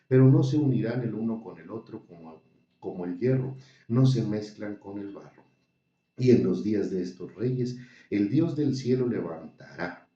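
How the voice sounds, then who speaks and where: Deep, mellow male reader for steady Bible reading; mic set back in a roomy, dull-sounding space. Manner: measured, solemn reading. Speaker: scripture reader. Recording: dull, roomy, distant recording.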